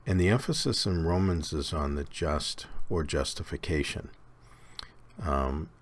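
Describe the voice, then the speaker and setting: Very deep-voiced man teaching Bible study. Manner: unhurried, conversational, with fillers and restarts.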